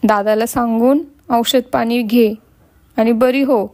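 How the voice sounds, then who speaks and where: A woman voicing a gentle young village boy who speaks in a soft, consoling way. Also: fairly high pitch, steady tone, takes it slowly, dry recording.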